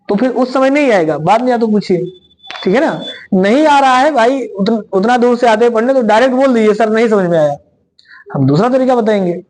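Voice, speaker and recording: A man teaching a classroom of exam students, speaking loudly, repeating himself and checking "right?" after each point. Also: very high-pitched, a little hiss or hum, low-quality recording. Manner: loud, repetitive, keeps asking "right?". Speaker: reasoning teacher. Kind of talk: classroom lecture.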